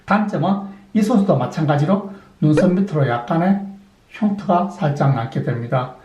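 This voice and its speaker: A man's voice: a little high, lively intonation, normal speed, dark tone, reverberant, poor audio. A middle-aged man, a plastic surgeon, explaining surgical methods step by step, asking questions and answering them himself. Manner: methodical, poses and answers his own questions. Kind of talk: explanatory clinic talk.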